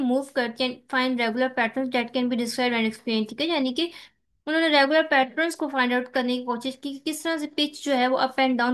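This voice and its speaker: A woman with a Pakistani accent teaching a lecture. She explains from a text in Hindi-Urdu mixed with English terms, reads English lines slowly, and often checks in with "theek hai". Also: high voice.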